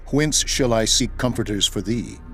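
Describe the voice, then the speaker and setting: A man's voice: on the low side, expressive, moderate pace, a bit bright. A man giving a dramatized scripture narration in a solemn, declamatory way. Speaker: Bible narrator. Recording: music behind the voice. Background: background music.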